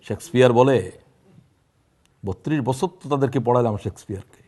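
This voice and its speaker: A man in his sixties preaching a sermon, reciting prayers and quoting verse in a drawn-out voice that swings between loud and hushed. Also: medium pitch. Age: 60s. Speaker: Islamic preacher.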